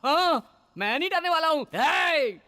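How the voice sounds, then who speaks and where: A man's voice: very high-pitched, expressive, a little slow, heavily acted. An actor dubbing a cowardly comic young man who stammers, shrieks and wails for help in a horror film. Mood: panicked. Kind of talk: Hindi film dub acting. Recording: loud noise under the voice.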